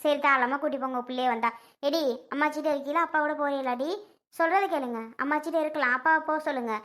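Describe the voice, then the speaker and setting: A woman's voice: high voice, steady tone, fairly bright tone. A woman playing a bossy middle-aged aunt who scolds and persuades a young father in a family skit. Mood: persuasive. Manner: scolding and persuasive, rapid and insistent.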